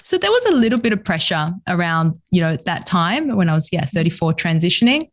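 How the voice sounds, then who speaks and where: Woman, 40s, interview guest; candid, reflective, low-set voice, light laughs. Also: big pitch swings, a little fast. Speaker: guest entrepreneur. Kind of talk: casual interview conversation.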